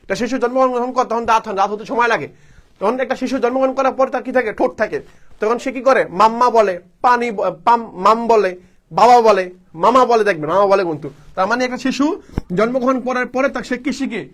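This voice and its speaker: A man's voice: extremely high pitch, fast talker, fairly bright tone. A man teaching a live online admission-test class, asking questions and answering them himself over and over. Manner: repetitive call-and-response teaching, asks and answers himself.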